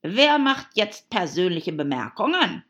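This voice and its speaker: A woman voicing a gloomy, quarrelsome grown man, a hatter, who speaks slowly and emphatically with sighs. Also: fairly low pitch, big pitch swings, fairly bright tone, heavily acted. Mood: smug. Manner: slow, emphatic, sighing. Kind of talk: audiobook character voice.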